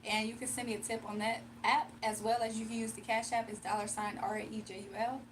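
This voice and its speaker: A woman runs a live stream of card readings, chatting casually with viewers, reading out their comments and laughing often. Her voice, on the high side, is slightly strained as it recovers from nearly being lost, and she talks quickly with a flat delivery over a noisy background.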